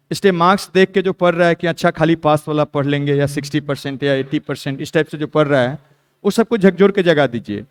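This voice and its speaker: A man's voice: a little high, smooth. Emphatic man teaching a maths class. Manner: repetitive, emphatic instructions to students. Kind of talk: classroom lecture.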